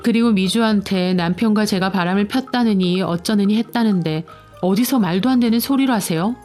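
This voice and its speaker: A woman's voice: mid-range voice, fairly quick, a little mellow, faint music behind. A woman narrating a first-person story for a storytelling radio show, confiding and indignant.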